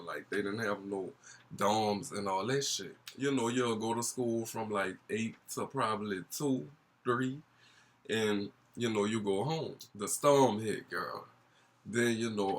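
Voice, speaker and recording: A man's voice: lowish voice, a bit bright. A young man with a New Orleans accent telling a casual vlog story in a gossipy, sassy, slangy way. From New Orleans, USA. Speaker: YouTube storyteller.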